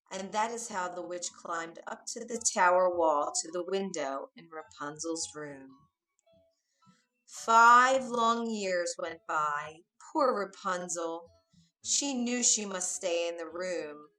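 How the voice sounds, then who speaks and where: Female storybook narrator, low-pitched, slow and clear over soft music. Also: low-quality recording. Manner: slow, clear, expressive reading. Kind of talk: scripted storybook narration for English learners.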